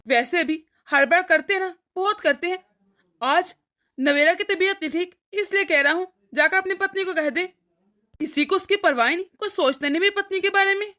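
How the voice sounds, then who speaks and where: A woman's voice: very high-pitched, fairly quick, bright, forceful tone. A woman voicing an irritable elder son in a cartoon story, complaining and arguing. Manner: complaining, argumentative.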